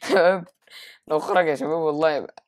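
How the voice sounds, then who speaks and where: A man with an Egyptian accent giving live gameplay commentary, excitable, jumping to loud high exclamations and mixing in English phrases. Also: quick pace, a little hiss or hum. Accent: Egyptian Arabic. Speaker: gaming YouTuber.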